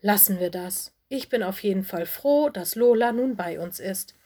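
A woman's voice: medium pitch, animated, moderate pace, close to an everyday voice. Woman reading a kind fox headmistress. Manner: gentle, softly stern. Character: motherly fox headmistress, busy but kind.

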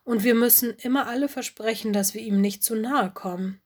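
A woman's voice: on the high side, fairly quick, darkish tone, natural voice. A woman doing an earnest young beaver girl. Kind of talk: storybook reading.

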